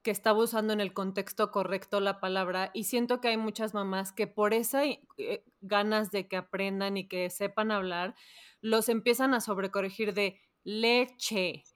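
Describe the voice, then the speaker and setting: A woman's voice: mid-range voice, level tone, moderate pace, few pauses, smooth. A woman hosting a podcast, chatting and asking follow-up questions. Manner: conversational, asks follow-up questions. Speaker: podcast host, mother. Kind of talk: casual podcast chat.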